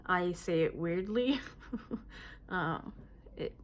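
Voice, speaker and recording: A woman's voice: lowish voice, slow pace, a little hiss or hum. A woman vlogger talking casually to the camera, explaining things plainly with many hesitant fillers.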